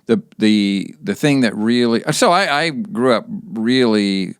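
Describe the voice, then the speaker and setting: Gravelly-voiced middle-aged Texan man. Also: lowish voice, animated, no room sound, clean studio sound. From Texas. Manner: halting, with many restarts. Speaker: guest. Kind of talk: conversational storytelling.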